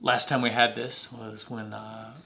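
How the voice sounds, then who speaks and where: Gravelly-voiced man hosting a whiskey tasting. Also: on the low side, level tone, measured pace, sharp tone. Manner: explains history, dry jokes. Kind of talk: casual tasting chat.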